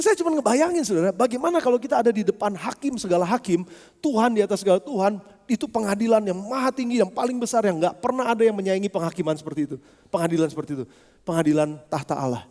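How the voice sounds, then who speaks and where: A male pastor delivers a lively sermon, pushing his words out loudly and then dropping into quiet asides. His voice sits very high for a man. The long reverb of a church hall hangs behind every phrase. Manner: lively preaching, swings from loud emphasis to low asides.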